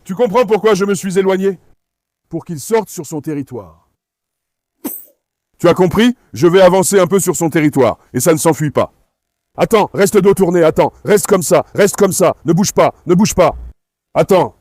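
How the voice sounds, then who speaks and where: A man's voice: high voice, moderate pace, a little mellow, no room sound, clean studio sound. A man hosting a dog vlog, coaxing his dogs and instructing a helper in a casual, repetitive way, outdoors. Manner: coaxing, instructive, repeats himself. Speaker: dog channel host. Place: outdoors at an industrial site.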